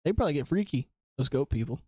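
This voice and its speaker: A man's voice: a little high, animated, quick pace, darkish tone, slightly rough, no echo. A young man co-hosting a podcast in casual chat, joking and laughing often as he teases his co-host with questions.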